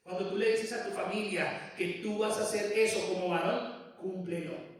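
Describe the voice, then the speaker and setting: A man's voice: high-pitched, fairly even intonation, normal speed. A man preaching a sermon to his congregation as pastor, emphatic and addressing listeners directly. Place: church. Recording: echoey church from far off.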